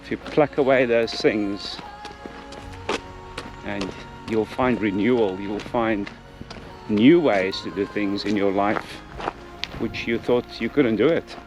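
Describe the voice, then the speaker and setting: Speaking slowly in a fairly low voice, this man hosts a casual hiking vlog on an outdoor trail, earnest in tone and prone to repeating himself. Music plays behind him, and the noisy outdoor recording carries clear ambient sound.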